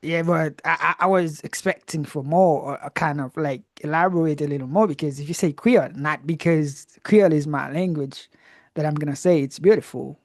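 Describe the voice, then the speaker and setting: A man's voice: fairly high pitch, moderate pace, no echo, clean studio sound. Encouraging Haitian man hosting a call. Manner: lively, encouraging, switches between English and Creole. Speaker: host and English teacher. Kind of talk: moderating a live video-call debate. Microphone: video call.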